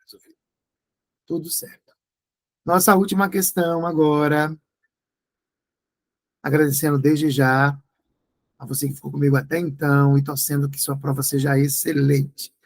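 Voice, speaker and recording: A man with a Brazilian accent leads an exam review class. His voice sits fairly high and has a gravelly edge. He keeps checking in with his listeners and shifts between quick runs and slow, drawn-out words. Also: flat delivery, low-quality recording. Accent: Brazilian Portuguese. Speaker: Portuguese exam tutor.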